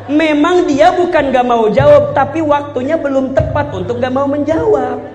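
High-pitched animated Sundanese preacher. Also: male voice, moderate pace, faint music behind, some chatter behind. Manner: animated, joking, playful asides. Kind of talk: Islamic lecture to women. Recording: echoey hall with background noise.

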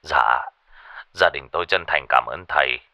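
An anxious older family head, as the narrator voices him, polite and worried. His voice sits very low yet rings very bright. Recorded dry. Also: moderate pace, dry recording, exaggerated voice.

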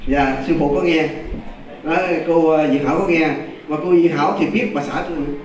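An older Buddhist monk, telling a story in a dharma talk with animated leaps on exclamations. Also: male voice, a little high, a little fast. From Vietnam. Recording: echoey hall from far off.

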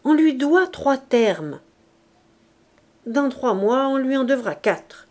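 A woman's voice: high-pitched, very animated, slow pace, darkish tone, pitched above the performer's own voice, heavily acted. A woman reading aloud and voicing an old housekeeper who keeps complaining insistently in a raised voice. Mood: nagging.

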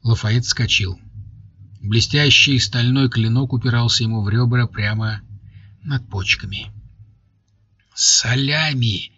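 A man narrating an audiobook in a steady, even storytelling voice. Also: mid-range voice, normal speed, slightly rough, dry recording. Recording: dry, dull lo-fi recording.

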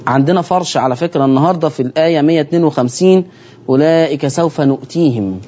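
A man's voice: a little high, racing, warm tone, highs cut off, slight background noise. A man with an Egyptian accent teaching Quran recitation on a broadcast lesson, speaking straight to his listeners and repeating key phrases.

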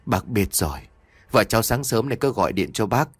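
A man's voice: on the low side, sing-song, fairly quick, breathy edge, dry recording. A man voicing an elderly village head who talks in a hesitant, flustered way. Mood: worried.

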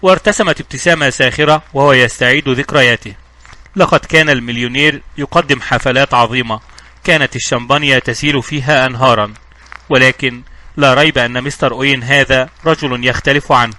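Brisk, bright-voiced male narrator. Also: medium pitch. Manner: brisk storytelling with small slips and restarts. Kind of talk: audiobook reading of a novel.

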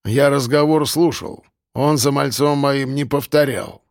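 A man's voice: mid-range voice, steady tone, measured pace, gravelly, darkish tone, dry recording. Suspicious hardened crook, blunt, as a man voices him, close dry read. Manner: blunt, sneering interrogation. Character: suspicious grim criminal, gruff man.

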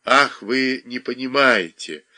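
A man's voice: medium pitch, takes it slowly. Angry accusing woman, read by a man. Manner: sharp, accusing.

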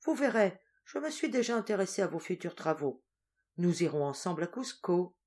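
A woman voicing a confident, teasing young woman of twenty-three in an audiobook, speaking in a brisk, self-assured way. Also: on the low side, big pitch swings, darkish tone, husky.

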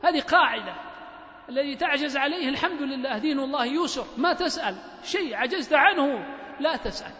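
A man's voice: very high-pitched, lively intonation, a little fast, sharp tone. A man with a Libyan Arabic accent giving a religious lecture in a mosque, talking rhetorically, repeating phrases and prodding the listeners with short questions. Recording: echoey hall, slightly dull lo-fi recording.

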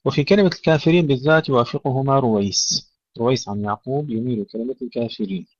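A man teaching a tajweed lesson, reciting words slowly to demonstrate and correcting common mistakes. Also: medium pitch, no echo. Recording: dry, dull lo-fi audio.

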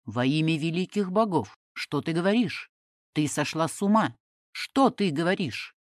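A woman reading an audiobook and voicing a hot-headed young Roman man who demands answers and shouts oaths. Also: low-pitched, expressive, unhurried, dry recording, clean studio sound. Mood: furious.

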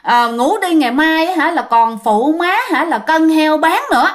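A woman's voice: high-pitched, expressive, a little fast. A woman doing a brusque old village grandmother. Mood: scolding. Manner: brusque, scolding. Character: stern village grandmother near sixty.

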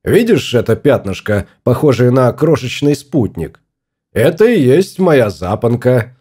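A man's voice: medium pitch, sing-song, unhurried, warm tone, breathy edge. A man voicing a stubborn, fussy husband exploring space in an audiobook, grumbling and obstinate.

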